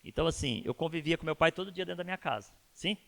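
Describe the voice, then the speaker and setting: A man's voice: on the high side, racing, creaky, a bit bright. A man, a pastor telling a personal story in a conversational church sermon and asking his listeners rhetorical questions. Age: 50s.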